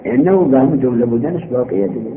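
A man teaching a grammar lesson, reading a text aloud in drawn-out phrases, explaining it and asking his own questions, on an old worn tape. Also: mid-range voice. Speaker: teacher in a religious seminary. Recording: old worn tape, muffled narrow band, faint noise.

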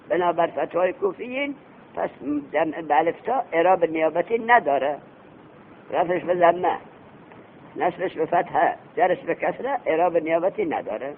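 A male grammar teacher lectures with a lively, swinging delivery, pitched a little high for a man. He drills his students with questions and answers them himself, and he chants the Arabic text slowly before explaining it. The recording is thin and phone-like, with a faint hiss underneath.

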